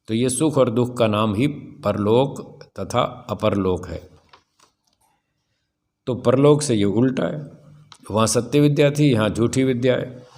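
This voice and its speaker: Older male swami, somewhat low voice, firm lecturing tone, poses questions to listeners. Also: a little mellow. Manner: firm, rhetorical, asks the audience questions. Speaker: swami teaching scripture. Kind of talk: spiritual discourse lecture.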